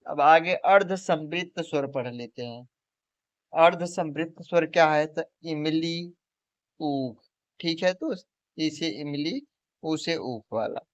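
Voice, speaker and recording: Guy teaching slow, keeps asking then answering himself, dull lo-fi sound. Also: a little high, dry recording. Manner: repeats questions and answers them himself, calls the viewer friend. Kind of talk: exam-prep lesson. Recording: dull, lo-fi recording.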